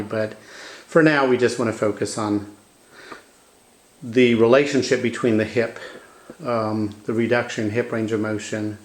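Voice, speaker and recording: A man working as a manual physical therapist, calmly explaining each step of a clinical demonstration in a treatment room and speaking gently to his patient. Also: on the low side, rough recording.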